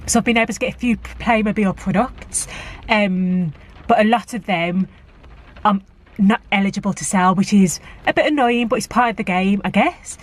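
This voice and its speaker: A woman's voice: medium pitch, normal speed. A woman in a casual vlog, chatting to camera and giving practical tips with plenty of fillers. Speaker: vlogger. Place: car park outside a shop, rainy.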